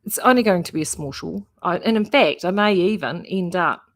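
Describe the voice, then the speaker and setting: Casual vlog host: woman, broad New Zealand accent, slightly low voice, chatty and rambling, often breaking off mid-thought. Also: brisk. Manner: chatty, rambling, self-interrupting. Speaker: knitting vlogger and yarn shop host. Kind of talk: casual chat to live viewers.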